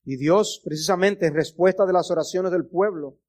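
A man's voice: sits high, normal speed, darkish tone. A man preaching a sermon, reading scripture with swelling fervor.

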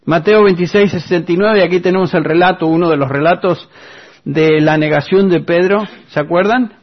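Guy preaching a sermon, kinda high voice, reads verses out and asks the crowd questions, muffled radio sound. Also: brisk. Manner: asks the congregation rhetorical questions; reads scripture quotes aloud.

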